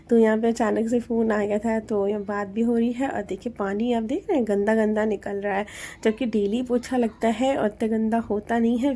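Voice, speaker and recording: A homemaker vlogger in her thirties with a Hindi accent narrates her household routine in a casual voice-over. Her slightly high voice is soft and mellow, and she chats easily, explaining each step with lots of fillers.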